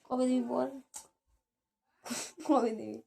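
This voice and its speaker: A woman's voice: high voice, steady tone, slow pace, gravelly, warm tone. A woman in casual home chat, coaxing and teasing, repeating her requests. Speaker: wife.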